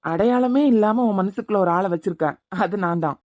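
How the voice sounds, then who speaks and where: A woman's voice: medium pitch, brisk, darkish tone, no room sound, clean studio sound, close to an everyday voice. A woman voicing a teasing, playfully romantic young husband in a cartoon, with a Kanyakumari Tamil accent. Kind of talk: cartoon voice acting.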